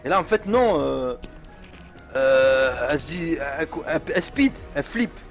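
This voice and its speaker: Un jeune homme raconte une histoire qui fait peur, d'un ton familier, en argot, avec beaucoup d'hésitations et de « euh ». Sa voix est un peu aiguë pour un homme, sur une faible musique de fond. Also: male voice, a little high, lively intonation, normal speed, faint music behind. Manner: slangy, hesitant with many fillers. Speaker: storyteller. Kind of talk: casual spoken horror story.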